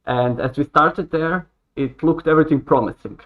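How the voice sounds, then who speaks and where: A man in his late twenties, raised in Croatia, speaks as a podcast guest in a fairly high voice. He talks earnestly and haltingly, often starting sentences over, and the audio comes through dull and lo-fi. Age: 20s. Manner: earnest, halting, with frequent restarts. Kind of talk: casual conversation. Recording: dull lo-fi sound.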